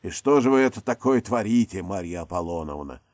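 A man's voice: medium pitch, expressive, a little slow, darkish tone, no room sound, clean studio sound, natural voice. A man voicing a blunt old peasant housemaid who scolds in a folksy, grumbling way.

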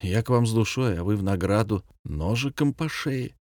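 A cautious, level-headed young man who answers in a low, subdued voice, as a male reader plays him. His measured replies stay restrained and soft. The sound is dry and close. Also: lively intonation, no echo, close to an everyday voice. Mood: wary.

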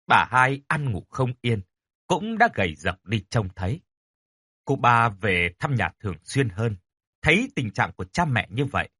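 A man narrating a ghost story in a scripted, expressive and dramatic storytelling style. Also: mid-range voice, husky, dry recording, clean studio sound.

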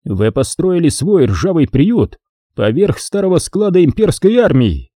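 A man's voice: a little high, big pitch swings, measured pace, warm tone, dry recording, studio quality, pitched above the performer's own voice. Man reading as a stern blunt general. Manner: blunt, commanding orders.

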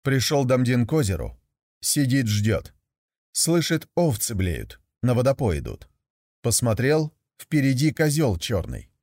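A man's voice: medium pitch, very animated, unhurried, a little mellow, no echo. Man telling a folk tale, dry sound. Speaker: narrator.

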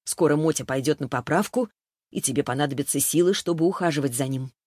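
A woman's voice: sits low, fast, a little mellow, no echo. A stern, composed middle-aged mother who talks in a firm, matter-of-fact way, as a woman reading the book puts her on. The sound is dry and close. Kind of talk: audiobook character voice.

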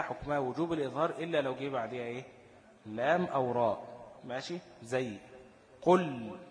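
A man with an Egyptian accent teaching Quran recitation rules. He quizzes his students, answers his own questions, and slows down to chant the quoted verses and poem. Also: mid-range voice. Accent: Egyptian Arabic. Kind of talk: tajweed lesson. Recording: echoey room with long reverb.

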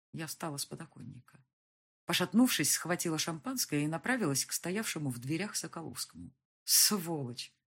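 A woman narrating a first-person story in an expressive, emotional reading. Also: low-pitched, husky.

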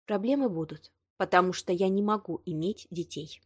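A prickly young woman, hurt and close to tears but proud and quick to snap back, as a woman reads her in an audiobook. The voice sits a touch low and sounds dry and close. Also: a little mellow, slightly rough, dry recording. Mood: tearful. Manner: tearful, defensive, flaring. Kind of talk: audiobook dialogue reading.

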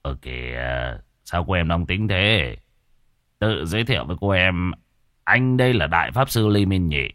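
Guy putting on a bragging old exorcist, low voice, mutters then shows off. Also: sing-song, normal speed, long pauses, bright, forceful tone, dry recording, studio quality, exaggerated voice. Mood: boastful. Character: scheming boastful old male sorcerer.

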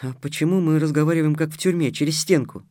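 A male reader voicing an emotional young woman who talks quickly and with feeling. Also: a little high, mellow, dry recording, clean studio sound, voice pushed up, lightly acted. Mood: eager, anxious.

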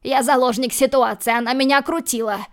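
A woman voicing a spiteful, cornered young male addict who yells and pleads in shrill outbursts, for an audiobook. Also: steady tone, a little fast, close to an everyday voice. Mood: pleading.

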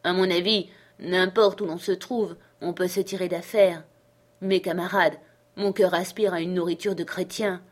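A woman voicing Ben Gunn, a hoarse, half-mad old male castaway who talks eagerly and wheedles. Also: lowish voice, steady tone, moderate pace, lightly acted. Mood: eager pleading. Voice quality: hoarse, creaky.

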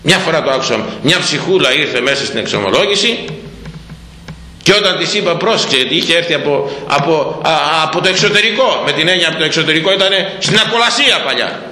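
A fairly high, sharp, animated voice carries this older priest's sermon on Proverbs. He questions his congregation rhetorically and repeats phrases to drive points home, with the room echoing and faint background noise present.

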